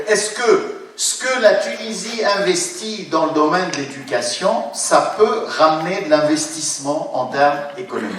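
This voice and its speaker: High-voiced man lecturing in an echoey hall. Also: a bit bright. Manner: hesitant, many fillers and restarts, explanatory. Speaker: university professor giving a lecture. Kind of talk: academic conference lecture. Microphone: distant room mic. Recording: very echoey hall from far off, faint noise.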